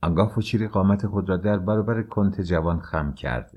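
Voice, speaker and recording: A man narrating a classic novel as an audiobook, reading in a measured, even way. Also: deep voice, breathy edge, muffled recording.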